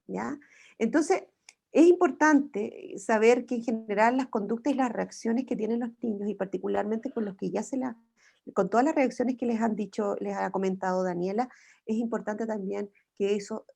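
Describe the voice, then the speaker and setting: Gravelly-voiced woman explaining. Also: medium pitch, dark tone. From Chile. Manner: explanatory, with frequent rhetorical tag questions. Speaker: psychologist giving a parenting talk. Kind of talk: online educational talk.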